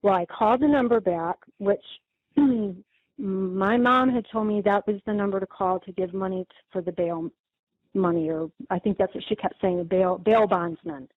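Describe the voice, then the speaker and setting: A middle-aged woman tells a story, acting out each back-and-forth and stumbling over restarts as she goes. Her voice comes through a thin, phone-like channel with a dry, close sound and a faintly husky edge. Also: medium pitch, normal speed, no room sound. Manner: lively retelling with many quoted exchanges and restarts. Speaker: guest telling of a scam call. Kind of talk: conversational storytelling. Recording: tinny phone-like line, dry.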